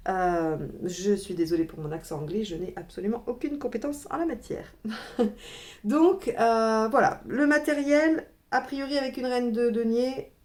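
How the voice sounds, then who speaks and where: Woman, tarot reader, casual direct-to-viewer chat, mellow tone, conversational asides. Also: a little high, normal speed. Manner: chatty, addresses viewers directly, frequent "hein" asides.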